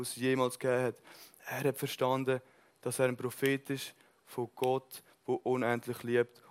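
A man delivers a passionate sermon, swinging between loud bursts and soft, earnest lines while mixing in English words. His voice is medium in pitch and smooth.

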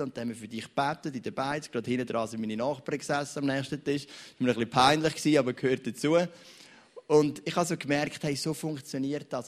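A young man with a Swiss German accent preaching a sermon in church, telling stories with big swings between loud and quiet. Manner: animated, storytelling, wide swings in pitch and loudness.

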